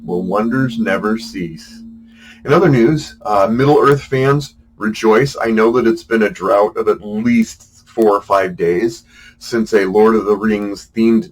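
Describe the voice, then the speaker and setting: In a rough recording, a middle-aged board game show host with a fairly low voice leads a casual talk about board games. He's chatty, wry, and self-deprecating, full of "uh"s and restarts.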